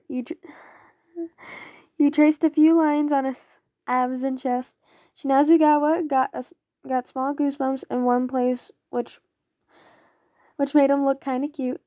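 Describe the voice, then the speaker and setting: High-voiced woman reading fan fiction. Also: dark tone, no echo, clean studio sound. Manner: casual, stumbling, apologetic. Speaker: audio story reader.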